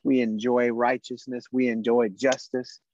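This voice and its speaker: A man hosting a casual faith podcast, excitable and quick to laugh, talking over a video call. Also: medium pitch, dry recording, lo-fi sound. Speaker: podcast host.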